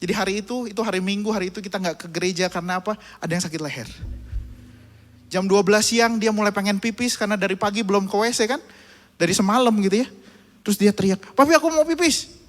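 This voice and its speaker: A man's voice: high voice, quick pace. A man preaching a sermon, telling a family story and acting out the voices in it. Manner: storytelling, acting out his child's and his own voices. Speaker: pastor. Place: church hall. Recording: church hall with long reverb.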